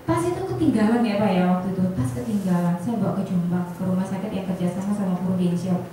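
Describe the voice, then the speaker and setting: A woman, an insurance agent telling colleagues a personal story in an animated way, acting out the dialogue and often turning to the audience. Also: mid-range voice, fast. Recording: echoey hall from far off, faint noise.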